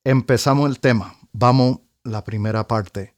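A man's voice: mid-range voice, a little slow, dry recording, clean studio sound. A man, a trumpet player, telling an anecdote in casual conversation and scatting out rhythms and melodies as he goes. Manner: animated, sings out rhythms and melodies. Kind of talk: conversational storytelling.

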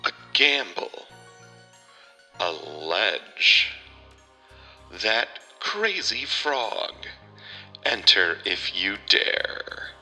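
A man voicing a menacing horror host announcer for a podcast intro, speaking slowly and ominously. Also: on the low side, sing-song, sharp tone, exaggerated voice. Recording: long hall reverb over music.

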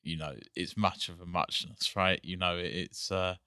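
A man with an English accent, a guest on a podcast, talking in a measured, articulate way with frequent pauses to think. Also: low voice, flat delivery, bright, forceful tone, smooth, dry recording, studio quality. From England. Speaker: guest, energy company CEO. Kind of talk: casual podcast chat.

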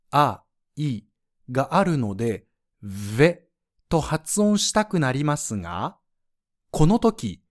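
In a scripted French pronunciation lesson, a man patiently explains the rules and spells out sounds one at a time. His voice is a little high with a darkish tone.

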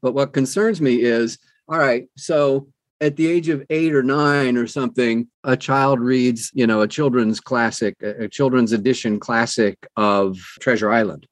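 Interviewed about his work, an older audiobook narrator talks in a conversational way, using deliberate pauses and measured, emphatic phrasing. His medium-pitched voice keeps a fairly even intonation on a dry recording.

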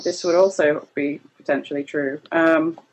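A man playing a tabletop game with friends, excitable and joking, laughing often. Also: fairly high pitch, moderate pace, slight background noise, rough recording. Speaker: player. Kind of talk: casual tabletop play.

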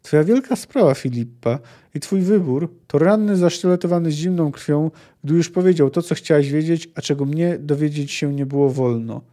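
A man reading the lines of a wounded, bitter male witcher from a novel in a flat, weary voice. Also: a little high, normal speed, hardly any pauses, lightly acted. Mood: accusing.

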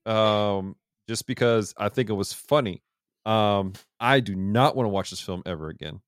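A man's voice: fairly low pitch, moderate pace, clean tone, no room sound, studio quality. A man hosting a movie podcast in casual chat, laughing often. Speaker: podcast host.

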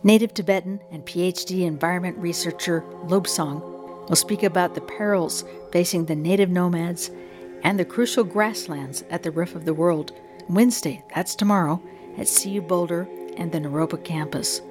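A woman's voice: fairly low pitch, normal speed, music in the background. An American woman hosting a radio science show, reading scripted narration and asking questions in a curious way.

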